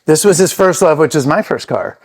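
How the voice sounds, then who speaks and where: A man's voice: on the high side, lively intonation, a little fast. Joking, interjecting man in his fifties. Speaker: podcast guest. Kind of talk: casual podcast chat.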